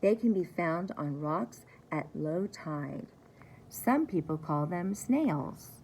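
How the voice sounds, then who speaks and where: A pre-K teacher with a low, creaky, slightly mellow voice reads a children's book aloud very slowly, animated like a preschool teacher at story time, explaining things simply and repeating key words. Faint noise sits in the background, and the recording is low quality.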